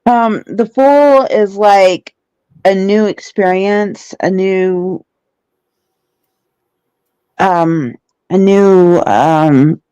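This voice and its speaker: Woman guest, smooth resonant voice, dry close sound, casual hesitant chat. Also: medium pitch, very slow, pauses often, mellow, no room sound, highs cut off. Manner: hesitant, searching for words. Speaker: guest who gives readings.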